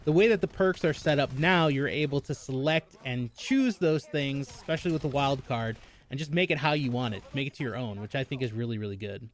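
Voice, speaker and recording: A man's voice: mid-range voice, brisk, few pauses. A man hosting a gaming news video, speaking with a slightly slurred mouth numb from the dentist. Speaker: gaming YouTube host. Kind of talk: scripted-sounding gaming news narration.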